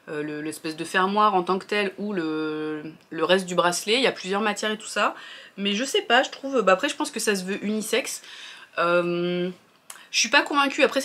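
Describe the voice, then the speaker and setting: A woman talking casually in a vlog review, chatty and hesitant, often pausing on fillers and restarting her sentences. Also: mid-range voice, a bit bright.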